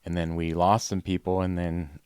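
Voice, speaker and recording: A man in his forties, a podcast guest, chatting in a relaxed, rambling way with many fillers and restarts. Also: low-pitched, moderate pace, smooth, dry recording. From Ohio. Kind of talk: casual conversation.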